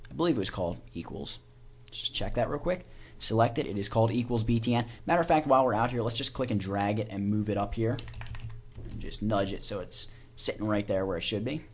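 A man teaching software in a casual screencast, informally talking through each click and keystroke as he does it. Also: fairly low pitch, slight background noise. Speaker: software tutorial instructor. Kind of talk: casual step-by-step screencast tutorial.

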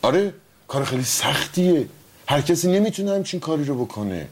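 Husky, fumbling husband. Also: male voice, a little high, big pitch swings, full character voice. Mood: awkward. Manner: fumbling, backpedaling. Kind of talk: sitcom acting.

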